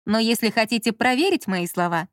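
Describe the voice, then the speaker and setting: A brash young man tipping off a rival by phone with a smug, offhand edge, voiced by a woman reading the story. Her voice sits high and dry. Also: expressive, a little fast, dry recording, natural voice. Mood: cocky. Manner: cocky, offhand. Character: brash young male schemer, mocking.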